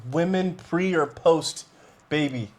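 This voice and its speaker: High pitched dude cohosting a podcast, crude laughy banter, swears a lot. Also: male voice, takes it slowly. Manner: loose, profane, laughing storytelling. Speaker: podcast co-host.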